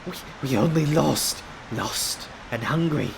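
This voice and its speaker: Shifty, starved little creature for a game, hissing and strained, cringing broken speech, noisy background. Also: male voice, a little high, animated, slow pace, vocal fry, heavily acted. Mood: pleading, cowed. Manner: broken grammar, pleading, repeats words. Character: wretched fawning creature Smeagol, small, hungry, shifty.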